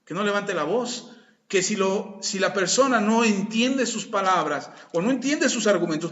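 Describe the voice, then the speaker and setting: A man's voice: high-pitched, a bit bright. A man with a Mexican Spanish accent, preaching a conversational sermon as pastor and acting out little dialogues. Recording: echoey room, dull lo-fi sound.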